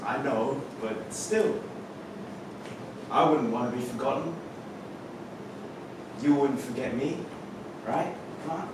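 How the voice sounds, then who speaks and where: In a staged reading on a theatre stage, an actor plays Adam, an anxious young man who jokes with his mother and worries about her. His mid-range voice moves slowly with long pauses and is lightly acted, shifting from wry teasing to alarmed shouting. Filmed by a distant camera with no visible mic, the sound is noisy and echoes through the hall.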